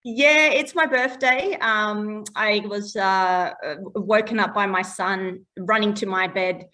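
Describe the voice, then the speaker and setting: A woman's voice: mid-range voice, steady tone, slow, pushed and bright, recorded from a distance. Chatty woman, a bit off-mic. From Australia. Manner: chatty, laughs often, plain explanations. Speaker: property valuer guest. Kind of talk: casual interview chat.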